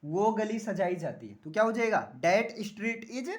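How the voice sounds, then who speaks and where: A man's voice: high voice, big pitch swings, slow. Joking male grammar teacher. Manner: joking, keeps checking students understand. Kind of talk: classroom lecture.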